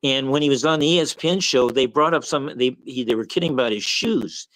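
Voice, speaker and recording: A man's voice: medium pitch, a little fast, a bit bright, no echo, rough recording. An older man on a sports talk panel, grumbling and sarcastic, often restarting his sentences. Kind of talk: casual sports banter.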